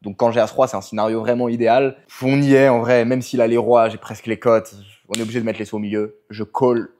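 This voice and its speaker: Man, mid-pitched, analytical vlog narrator with English poker jargon. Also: flat delivery, quick pace, a little mellow. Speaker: poker player narrating his session.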